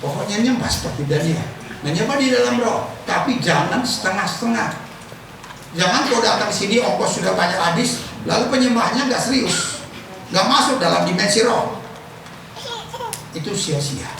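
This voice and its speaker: High-voiced preacher in an echoey hall. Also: male voice, animated, normal speed. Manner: acts out prayers, quizzes the congregation. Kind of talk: lively sermon. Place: church service hall. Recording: echoey hall, distant mic, noisy.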